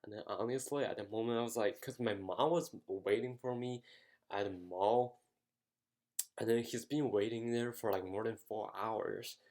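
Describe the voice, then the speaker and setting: Rambling through a story on his casual vlog, a young man from the United States fills his speech with "like." He speaks at a normal speed in a fairly low, steady, slightly mellow voice.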